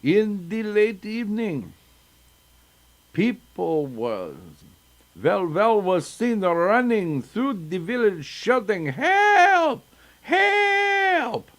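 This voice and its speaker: A man's voice: sits high, animated, takes it slowly. An older man reading folktales aloud to children as a storyteller, chatty and breaking off into asides. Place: synagogue.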